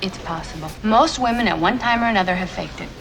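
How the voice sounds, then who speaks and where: An actress playing an opinionated young woman in a romantic comedy, speaking in a quick, pointed, teasing way. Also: medium pitch, vocal fry, noisy background, natural voice. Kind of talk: film dialogue.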